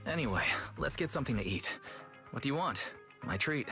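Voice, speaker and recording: A man voicing a calm, considerate young male proxy in a game cutscene, gentle in manner. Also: medium pitch, fairly quick, gravelly, full character voice. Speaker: game protagonist. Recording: game cutscene voice over music.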